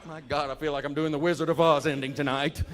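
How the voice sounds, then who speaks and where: A man doing stand-up on a live stage, loud and animated, acting out the voices of the people in his stories. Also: fairly high pitch, fast talker, very noisy. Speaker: stand-up comedian. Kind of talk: stand-up comedy set. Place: comedy stage before a live audience. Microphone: handheld mic on a stand.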